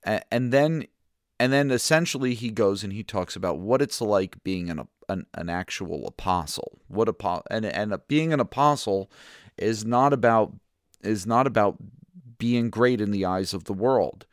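A man with a lowish voice teaches through scripture in a relaxed, conversational style. He thinks out loud, circles back to restart his phrases, and keeps checking in with listeners. The sound is close and dry, with no room around it. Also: moderate pace, dry recording. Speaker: podcast host teaching through a Bible reading plan. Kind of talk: casual Bible teaching commentary.

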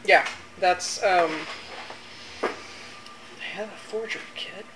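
A woman's voice: fairly low pitch, takes it slowly, music in the background. A woman playing a tabletop game, chatting casually and hesitantly as she thinks aloud. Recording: noisy room.

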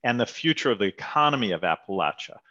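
Speaking fast and very animated, this interview host has a lowish, bright, forceful voice. He's friendly in the conversational exchange and corrects himself a bit while asking questions, all captured on dull lo-fi audio.

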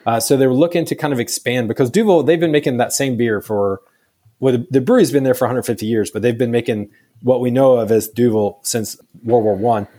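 A man's voice: medium pitch, a little fast, warm tone. A man answering interview questions about his brewery in a loose, chatty way, full of fillers. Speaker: brewery staff guest.

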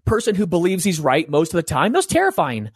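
Animated, expressive man telling stories. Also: on the high side, quick pace, slightly rough, dry recording, studio quality. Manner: animated storytelling, acts out quoted voices. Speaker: parenting guest. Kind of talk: conversational interview.

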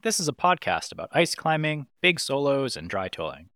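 A podcast host with a medium-pitched voice reads a scripted intro at a normal speed, then chats playfully with his guest. His delivery is animated. The studio-quality recording has no echo.

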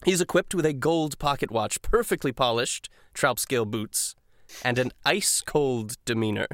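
A man's voice: medium pitch, normal speed, fairly bright tone, no echo, clean studio sound. A man narrating a tabletop game as game master in a casual, chatty way.

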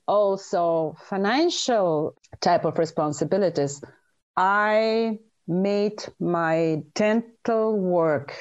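A dentist and author from Bulgaria, middle-aged, appears as an interview guest and tells her stories earnestly, with strong emphasis. Her mid-range voice has a darkish tone, and the recording sounds muffled.

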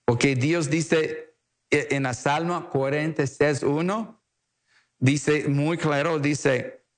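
A man preaching a televised sermon in an earnest, emotional way, with simple, halting phrasing. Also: a little high, steady tone.

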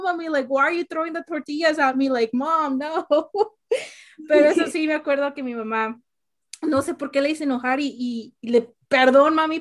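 A young woman hosting a casual family chat, telling stories with animation and asking questions. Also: sits high. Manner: animated storyteller, asks questions. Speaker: podcast host.

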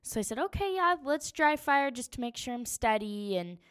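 Young woman, hunter recounting her trip; smooth, clear voice, animated and chatty. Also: fairly high pitch, moderate pace. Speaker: hunter telling her story. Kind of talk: casual storytelling.

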